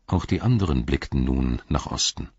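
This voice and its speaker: A man narrating an epic fantasy audiobook in a measured, solemn manner. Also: a bass voice, expressive, a little mellow, slightly rough, no room sound. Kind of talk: scripted narration. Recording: dull, lo-fi audiobook recording.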